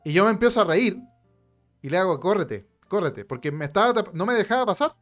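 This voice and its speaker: A man's voice: sits high, quick pace, faint music behind. A middle-aged man with a Chilean accent, telling a personal story in a casual, indignant way and acting out both sides of an argument. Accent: Chilean Spanish. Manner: animated, indignant, acts out quoted exchanges.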